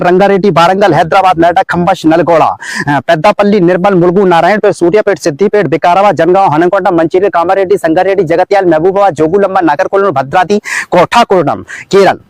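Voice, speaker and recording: A man's voice: sits high, fairly even intonation, fast, no echo, rough recording. A young man from central India reciting a memorised list of names in a nonstop run, as if all in one breath. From Madhya Pradesh, India. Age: young adult. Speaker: memory record performer.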